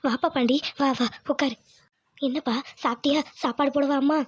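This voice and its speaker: A woman voicing a gentle older village mother-in-law who speaks softly and tenderly to her son. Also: sits high, steady tone, a little fast, no echo, pitched below the performer's own voice, close to an everyday voice. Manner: soft, tender, reassuring.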